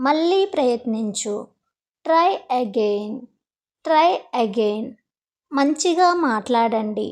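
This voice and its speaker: A woman teaching spoken English, reading short everyday sentences and repeating each one slowly and deliberately. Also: a little high, expressive, a little mellow, low-quality recording. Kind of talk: slow repeated phrase drills.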